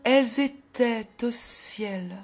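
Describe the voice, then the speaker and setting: A woman narrating a fairy tale in a gentle, expressive storytelling voice that drops to a hush at sad moments. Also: on the high side, takes it slowly. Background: faint music.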